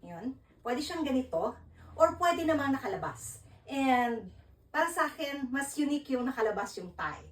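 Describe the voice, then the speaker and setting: A woman with a Filipino accent hosting a casual fashion vlog, chatty and animated while she dresses and styles an outfit. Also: sits high, moderate pace, reverberant, recorded from a distance, poor audio. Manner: chatty, Taglish code-switching, animated. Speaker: fashion vlogger.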